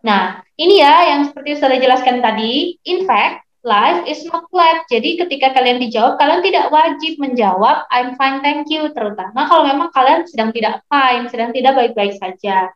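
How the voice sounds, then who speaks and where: A woman teaching English online, explaining slowly and patiently to her students. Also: sits high, lively intonation. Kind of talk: online class lesson, mixing English and Indonesian. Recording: echoey, slightly muffled online lesson audio.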